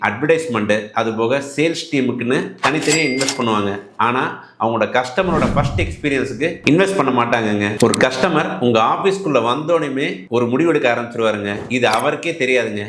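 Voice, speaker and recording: A man's voice: medium pitch, a bit bright, roomy sound, slight background noise. A man with a Tamil accent giving business advice straight to his viewers, asking them rhetorical questions in polite, colloquial speech. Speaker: business coach. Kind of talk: direct-to-camera business advice.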